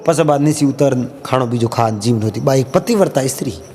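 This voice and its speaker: A man's voice: medium pitch, moderate pace. A man with a Marwari accent narrating a folk tale, voicing the characters' dialogue as he goes. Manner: lively storytelling with dialogue voices. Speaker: storyteller.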